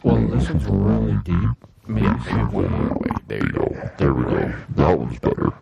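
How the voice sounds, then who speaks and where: A man talking through a voice changer that makes him sound like a deep, demonic creature, goofing around in casual chat. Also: wildly swooping pitch, normal speed, gravelly, highs cut off, heavy background noise. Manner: goofy, playing around with the voice changer. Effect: deep demonic voice-changer filter.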